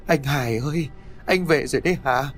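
A man's voice: mid-range voice, brisk, music in the background, natural voice. A man voicing a grief-crazed young widow in a spoken ghost story, crying out to her dead husband and son. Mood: haunted. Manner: pleading, trembling cries.

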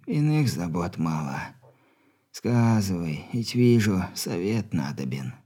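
A man reading an audiobook, voicing a bedridden dying old man who speaks slowly and quietly, breathing heavily in a creaky voice. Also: sits low, very animated, exaggerated voice. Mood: stern, weary. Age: older. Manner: slow, quiet, weary.

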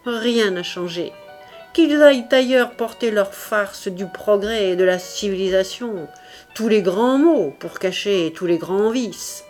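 A woman voicing a fiercely patriotic village man who proclaims loudly and defiantly. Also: high voice, measured pace, faint music behind. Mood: triumphant.

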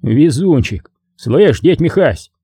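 A man voicing a gruff partisan commander barking orders. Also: a little high, lively intonation, slow pace, mellow, no room sound, voice pushed up, exaggerated voice. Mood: gruff commanding. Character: gruff middle-aged male partisan commander.

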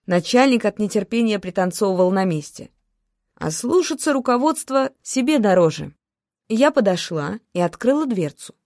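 A woman's voice: medium pitch, expressive, normal speed, a little mellow, dry recording, studio quality. A woman narrating a first-person story in an ironic storytelling manner. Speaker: audiobook narrator.

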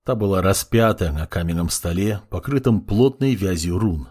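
A man narrating a dark fantasy audiobook in a dramatic, expressive storytelling manner. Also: deep voice, moderate pace, breathy edge. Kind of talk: scripted narration.

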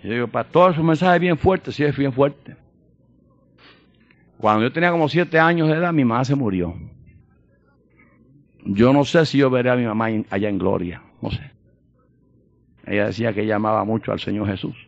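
A man preaching a sermon, swinging between loud emphatic proclamation and quiet personal storytelling. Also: mid-range voice, moderate pace, vocal fry, pauses often, no echo. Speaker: pastor. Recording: dull lo-fi sound.

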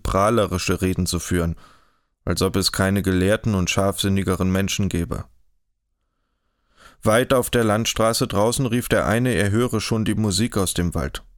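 A man narrating a historical novel in an audiobook, in a measured, even storytelling manner, close to the mic. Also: on the low side, dry recording. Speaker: audiobook reader. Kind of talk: scripted narration.

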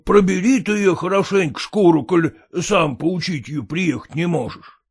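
A man voicing an illiterate, clumsy peasant who pleads in rustic, halting speech with fillers. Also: high voice, vocal fry, slightly rough, voice pushed up, full character voice. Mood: pleading.

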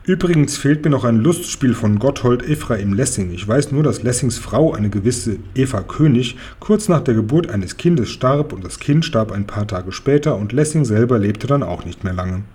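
A man's voice: medium pitch, expressive, moderate pace, few pauses, a little mellow, husky. A man voicing a dry, jovial pharmacist uncle in a storybook reading. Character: jovial middle-aged male pharmacist uncle.

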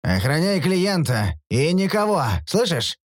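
A man voicing a gruff male mercenary leader with a husky, hissing, threatening voice. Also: a little high, very animated, unhurried, dry recording, clean studio sound, voice pushed up. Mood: menacing.

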